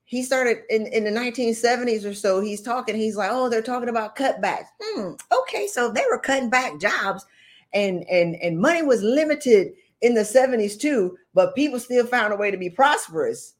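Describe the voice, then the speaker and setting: A woman's voice: a little high, lively intonation, moderate pace. A middle-aged woman giving an informal, direct motivational talk in a blunt, emphatic way, repeating phrases to drive them home. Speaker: motivational speaker and podcaster.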